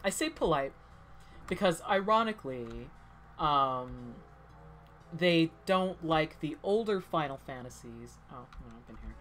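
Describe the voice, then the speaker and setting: A woman's voice: deep voice, animated, unhurried, fairly bright tone, a little hiss or hum. A woman giving casual, rambling commentary while playing a game. She fills her talk with "like" and sounds heated yet cheerful. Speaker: gameplay commentator. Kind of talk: casual gameplay chat.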